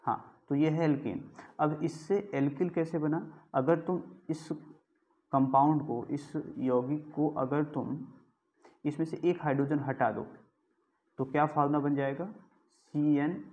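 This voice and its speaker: A man's voice: a little high, fairly even intonation, unhurried, darkish tone. A man teaching a chemistry class in a lecture style, asking questions and answering them himself. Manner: explains step by step, asks and answers his own questions. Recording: tinny phone-like sound.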